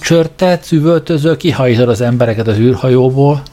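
A man's voice: medium pitch, warm tone, pitched above the performer's own voice, natural voice. Man doing a glib coaxing alien traveler. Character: glib, fast-talking male alien hitchhiker.

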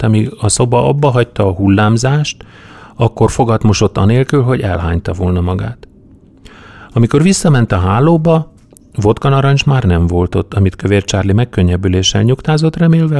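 A man narrating an audiobook in a steady, wry storytelling manner. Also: fairly low pitch, no room sound. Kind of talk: scripted narration.

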